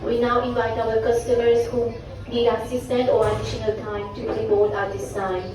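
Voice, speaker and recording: A woman gate agent reads a formal airport announcement in a fairly high, even voice. It comes from far off over an echoing terminal PA. Her delivery is scripted and orderly. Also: normal speed. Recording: echoey airport PA from far off, noisy.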